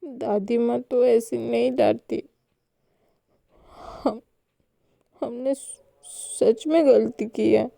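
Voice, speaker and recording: A woman voicing a sensitive young woman in an audio story, speaking softly. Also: fairly high pitch, fairly even intonation, drawn-out words, gravelly, pauses often, no echo, clean studio sound, exaggerated voice. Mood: tearful.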